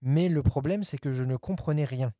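Mellow-voiced hesitant man, casual chat. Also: medium pitch, moderate pace, no echo. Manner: hesitant, many repeated words. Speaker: linguist. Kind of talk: casual conversation with many fillers.

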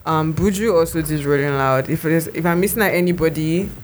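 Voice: medium pitch, fairly quick, slight background noise. A podcast co-host, chatting casually and rambling with many fillers and restarts. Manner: rambling, heavy use of "like" and restarts.

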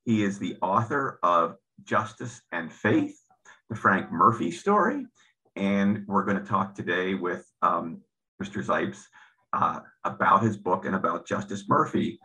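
A man hosting an interview, introducing his guest and asking questions in a measured way with frequent ums. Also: low voice, animated, sharp tone, rough recording. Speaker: interview host.

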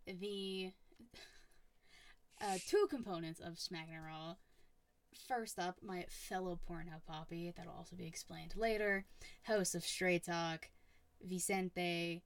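A woman with a hoarse, raspy, nearly lost voice bantering casually as a podcast host, sweary and sardonic. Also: fairly low pitch, steady tone, takes it slowly.

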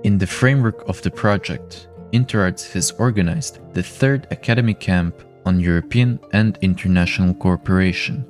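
A man's voice: lowish voice, darkish tone. A man, the podcast host, reading a formal scripted introduction. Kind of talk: scripted narration. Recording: music playing faintly behind.

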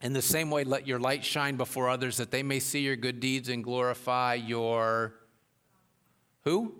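A man preaching a sermon as pastor, pressing rhetorical questions with growing force and dropping to a hushed tone to tell stories. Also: flat delivery, a little slow, clear, resonant tone. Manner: rises to emphatic questions, drops low and soft for told stories.

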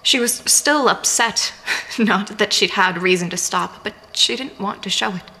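A woman narrates a first-person novel in a soft, unhurried way. Her voice is bright and clear. A long hall reverb trails after every phrase. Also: mid-range voice. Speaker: audiobook narrator.

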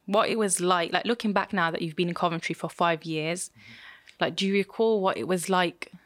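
Low-voiced woman hosting a podcast. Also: fairly even intonation, moderate pace, a bit bright, no echo, clean studio sound. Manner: friendly, encouraging questions. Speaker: podcast host. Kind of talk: interview podcast.

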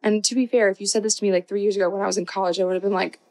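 A woman in her twenties co-hosts a podcast, chatting casually at a very fast clip with lots of "like" and acted-out quotes. Her mid-range voice has a darkish tone and fairly even intonation.

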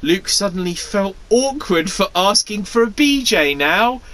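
A man's voice: sits high, lively intonation, unhurried, pushed and bright, poor audio. A man hosting a podcast, reading crude fan fiction aloud with giggly, exaggerated asides. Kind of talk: comic reading and banter.

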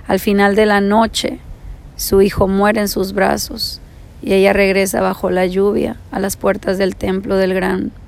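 A woman telling a spiritual parable and reflecting on it, speaking slowly and repeating phrases in long lists. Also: medium pitch, creaky, a little mellow. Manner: slow, repetitive phrasing, piling up lists of words. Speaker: storyteller.

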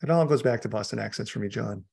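Guy with a kinda husky voice, talking casually over a movie, laughing a lot and restarting. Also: fairly low pitch, fast talker, darkish tone. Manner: chatty, laughs often, loose restarts. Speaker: author guest on a film commentary. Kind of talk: casual commentary chat.

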